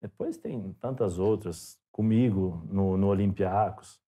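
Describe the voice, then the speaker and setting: Animated Brazilian man telling stories. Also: low voice, unhurried, slightly rough. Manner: animated storyteller, acts out dialogue. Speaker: podcast guest, former footballer. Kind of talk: casual storytelling interview.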